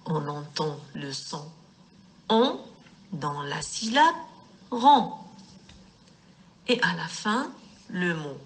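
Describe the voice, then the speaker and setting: A woman teaching young children to read, speaking slowly and word by word, stressing each syllable, and addressing her pupils with affection. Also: low voice, animated. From Morocco. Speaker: primary school teacher. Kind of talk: slow reading lesson for young children.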